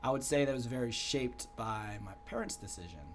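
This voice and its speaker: A young American man answering interview questions in an earnest, reflective way, often pausing with "you know". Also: mid-range voice, animated, soft background music. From United States. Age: young adult. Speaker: guest entrepreneur.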